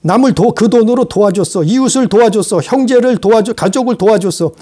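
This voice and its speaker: Male preacher with a high voice, delivering an emphatic sermon that builds through repetition. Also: fairly quick, mellow. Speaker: pastor.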